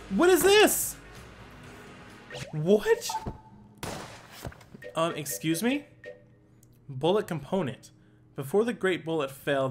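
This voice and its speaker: Quick excited outbursts punctuate this man's let's play as he muses aloud and reads out item text. He hosts a gaming channel, speaks in a high-leaning voice, and game music plays beneath him.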